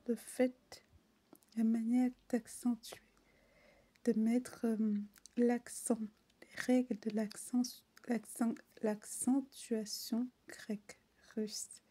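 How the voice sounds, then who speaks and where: A woman reads dictionary entries aloud in a slow, unhurried way, often slipping into an unvoiced whisper. Her voice sits a little high. The tone is dark and mellow. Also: husky.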